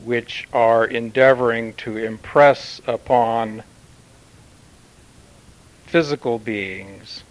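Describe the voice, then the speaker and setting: Guy channeling a solemn martian commander, super slow and formal, lots of pauses. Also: medium pitch, fairly even intonation, poor audio. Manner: formal, measured pronouncements with long pauses. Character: solemn male Martian commander addressing Earth. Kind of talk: channeled spiritual message.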